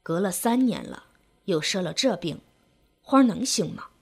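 A woman's voice: mid-range voice, expressive, moderate pace, vocal fry, husky, voice pushed down. A woman reading the lines of a hesitant, sorrowful older villager. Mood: worried.

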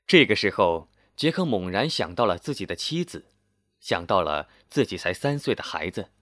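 A man narrating a scripted story in a steady, measured storytelling manner. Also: low-pitched, no echo, clean studio sound.

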